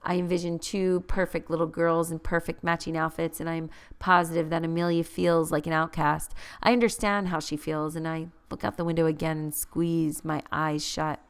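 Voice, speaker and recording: Reading aloud from a novel told in the first person, this audiobook narrator keeps a measured pace with gentle expression. Her voice is low-pitched and smooth.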